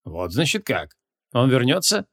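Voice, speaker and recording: A man's voice: medium pitch, huge pitch swings, measured pace, fairly bright tone, heavily acted. A man reading the part of a stern, short-tempered male archmage in an audiobook, with commanding, curt questions.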